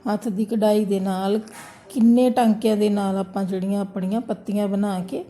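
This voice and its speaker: Very dark-voiced woman teaching embroidery. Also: medium pitch, fairly even intonation, moderate pace. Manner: gentle, repetitive instructional tone. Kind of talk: step-by-step craft tutorial narration.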